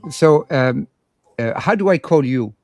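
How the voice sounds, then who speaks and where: A man co-hosting a podcast in casual chat, playful and rambling, often breaking into laughs. His voice sits at a middle pitch. The recording is dry, with little room sound. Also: expressive, a little slow, no room sound. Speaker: podcast co-host.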